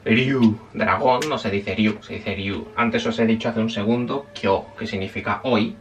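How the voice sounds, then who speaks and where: A man's voice: on the low side, steady tone, normal speed, far from the mic. A man teaching a casual spoken language lesson, chatty and self-correcting, often checking in with his listeners.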